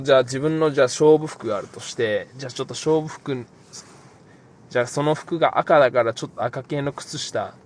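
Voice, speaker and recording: A young man hosting a casual podcast and answering listener questions, easygoing and rambling with lots of fillers. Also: medium pitch. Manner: relaxed, rambling, many fillers. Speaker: podcast host, pro basketball player.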